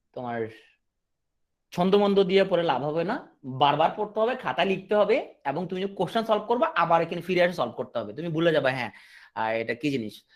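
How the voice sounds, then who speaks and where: Lively joking Bangladeshi man teaching. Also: a little high. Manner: lively, joking asides to students. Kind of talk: coaching class lecture.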